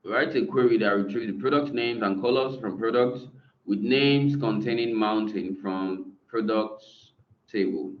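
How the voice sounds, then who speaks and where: A male instructor leads an online lesson, captured by a screen recording of the video call. He talks slowly and hesitantly, leaning on fillers as he works through queries. The audio is muffled and roomy. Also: fairly low pitch, a little hiss or hum. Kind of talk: online class lecture. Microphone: computer mic on a video call.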